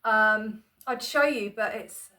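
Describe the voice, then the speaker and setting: Taking it slowly, a woman with a slightly high, sharp-toned voice vlogs casually to a phone camera on a tripod in her small home room. She wanders from point to point, mocks herself, and often says "um" or restarts.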